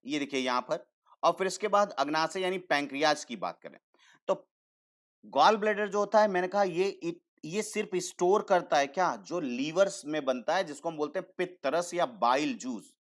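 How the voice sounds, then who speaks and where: Man teaching science in a higher voice. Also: fairly bright tone. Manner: explains slowly, repeats terms, asks questions then answers them; calls students "beta". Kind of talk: online science lesson.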